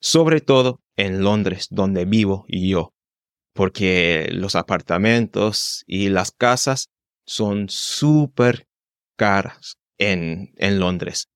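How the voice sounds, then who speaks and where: A man in his twenties with a deep, smooth voice and drawn-out words hosts a solo podcast from his London home. A native English speaker, he talks in careful, unscripted learner's Spanish with small restarts. The recording is clean studio sound with no echo.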